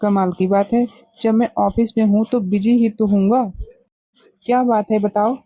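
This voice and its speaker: A woman's voice: mid-range voice, fairly even intonation, moderate pace, dark tone, dry recording, studio quality, voice pushed down, natural voice. A woman voicing a busy husband in a family cartoon, brusque and dismissive. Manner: brusque, impatient. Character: busy office-going husband, curt and dismissive.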